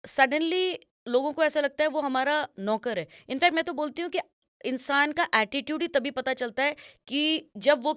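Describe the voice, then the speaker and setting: Woman, interview guest, image consultant; higher-pitched, instructive delivery, close dry mic. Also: a bit bright, dry recording. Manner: instructive, mixes English phrases into Hindi. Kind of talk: explanatory interview answers.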